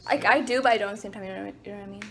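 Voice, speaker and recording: A woman's voice: mid-range voice, rapid-fire, vocal fry, a crowd in the background. A woman in her twenties chatting casually and drunkenly in a rambling way, pronouncing her r's as w's. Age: 20s. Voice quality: says r as w, especially at word starts. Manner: rambling, tipsy talk. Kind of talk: casual chat. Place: small indoor room at a house party. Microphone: phone or laptop at arm's length. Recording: noisy house party on a phone.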